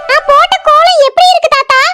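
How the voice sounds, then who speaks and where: A woman voicing a cheeky, sharp-tongued young daughter-in-law in a cartoon, with a southern Tamil Nadu accent and quick sassy retorts. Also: extremely high pitch, soft background music. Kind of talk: cartoon voice acting.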